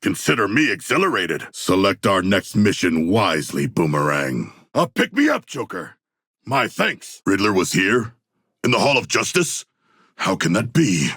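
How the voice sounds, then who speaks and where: King Shark, deep and formal. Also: very animated, a little slow, a bit bright, slightly rough, dry recording, clean studio sound, exaggerated voice. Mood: urgent, forceful. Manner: stilted, formal, grandiose diction with solemn earnestness. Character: hulking humanoid shark warrior, earnest, formal, proud, bloodthirsty. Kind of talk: video game character voice lines.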